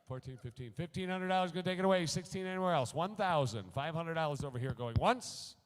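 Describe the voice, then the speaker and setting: Fast-talking male auctioneer in a hall. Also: on the high side. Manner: rapid-fire bid calling, joking with bidders. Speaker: charity auctioneer. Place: large hall at a school gala. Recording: long hall reverb.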